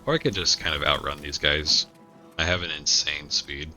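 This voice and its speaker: A man with a very deep, bright, forceful voice speaks at a normal pace with fairly even intonation. Streaming a video game, he tosses off sarcastic, joking asides in casual commentary as game music plays.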